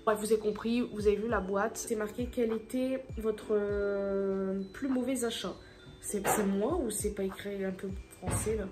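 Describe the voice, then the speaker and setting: A woman's voice: medium pitch, fairly even intonation, moderate pace, over music. A woman chatting casually to her vlog audience at home, rambling and tripping over her words. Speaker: vlogger. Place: at home indoors.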